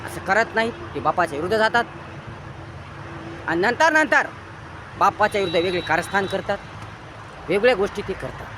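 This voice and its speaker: A man with a Marathi accent giving an impassioned moral lecture, preachy and repetitive, swinging between loud emphatic bursts and quiet low lines. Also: expressive, a little fast, long pauses, background noise. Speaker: motivational speaker.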